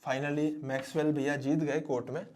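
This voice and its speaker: A man's voice: on the high side, moderate pace. A man teaching physics as a dramatic story, talking straight to his students. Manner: animated, dramatic storyteller who addresses students directly.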